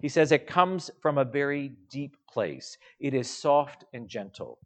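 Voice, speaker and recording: A man preaching a sermon in a slow, measured way, letting his phrases trail off softly. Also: mid-range voice, animated.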